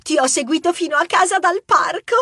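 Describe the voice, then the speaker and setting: A woman voicing a bossy, loud female mouse neighbor who shouts imperiously. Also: fairly quick, dry recording, clean studio sound. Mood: insistent. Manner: shrill, pushy and imperious. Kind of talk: audiobook character voice.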